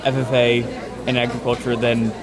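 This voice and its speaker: A young man from Lexington, chatting earnestly and haltingly in a casual interview. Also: mid-range voice, monotone. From Lexington, Kentucky. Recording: loud crowd chatter in busy venue. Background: loud crowd in a public space.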